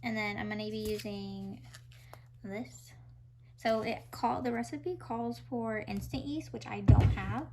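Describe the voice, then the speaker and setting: In a noisy home recording, a young cooking vlogger casually narrates a tutorial from her kitchen. Her voice is fairly high and unhurried, and she chats her way through every step out loud.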